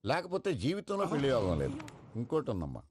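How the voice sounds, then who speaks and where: An actor playing a solemn male astrologer priest who makes slow, grave pronouncements in a comic film. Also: mid-range voice, huge pitch swings, a little mellow, slight background noise.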